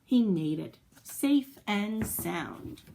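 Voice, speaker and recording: Reading aloud to young children, a woman tells a story and chats with them, encouraging them with simple explanations and questions. She has a mid-range, warm, gravelly voice, animated in expression and very slow.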